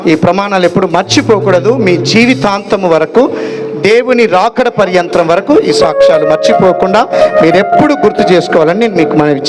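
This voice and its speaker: A man, a pastor officiating a wedding, joking with the couple and leading the vows loudly line by line. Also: high voice. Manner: jovial and teasing, loud call-and-repeat prompting.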